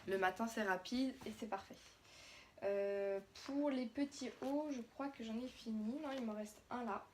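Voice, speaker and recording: A woman's voice: fairly high pitch, normal speed, a little hiss or hum. A young French woman, a mother, chatting casually through a haul of her daughter's clothes with plenty of fillers and restarts.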